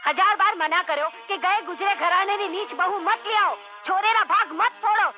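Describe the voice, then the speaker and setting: A woman's voice: very high voice, moderate pace. An actress playing a harsh, scolding mother-in-law who talks sharply and with contempt. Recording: dull film soundtrack with loud music.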